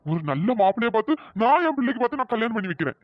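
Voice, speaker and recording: A voice actor playing a calm, firm middle-aged father in a cartoon story. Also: medium pitch, racing, no echo, lo-fi sound, natural voice. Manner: soothing, firm.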